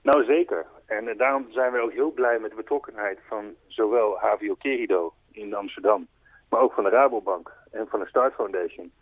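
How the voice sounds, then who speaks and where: A man's voice: fairly low pitch, fairly quick, no room sound. A man interviewed by phone as a foundation's spokesperson, earnestly explaining and patiently clarifying. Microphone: telephone. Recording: tinny phone line, dry.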